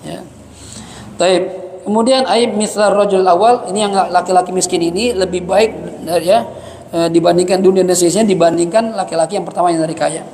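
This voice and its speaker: Chatty high-voiced preacher, echoey. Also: male voice, a little mellow, a little hiss or hum. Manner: joking, chatty, reads Arabic then explains it. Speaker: religious teacher. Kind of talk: mosque study lecture. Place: mosque hall. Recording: echoey mosque hall.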